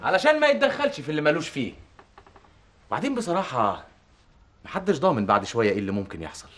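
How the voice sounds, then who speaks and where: An actor playing a brash, smooth-talking stage director with an Egyptian accent. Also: male voice, a little high, big pitch swings, rapid-fire, noisy background. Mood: scheming. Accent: Egyptian Arabic. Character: flashy, scheming male stage director. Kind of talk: TV drama acting.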